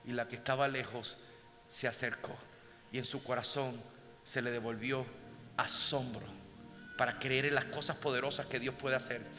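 A male pastor telling a story in a sermon, moving between hushed passages and loud exhortation. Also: medium pitch, level tone, normal speed, soft background music. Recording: long hall reverb, faint ambience.

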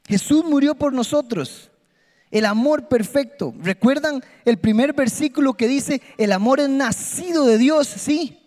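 Male preacher, emphatic sermon, unhurried delivery, echoing hall. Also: very high voice. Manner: impassioned, emphatic, swings between soft and loud. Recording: long hall reverb with faint music.

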